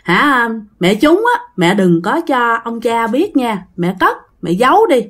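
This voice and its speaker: A woman with a Southern Vietnamese accent voicing the ghost of a dead young man who earnestly begs his mother, repeating his gentle pleas. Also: a little high, sing-song, unhurried, exaggerated voice. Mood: urging. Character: dead young man's ghost, bloodied, pleading son.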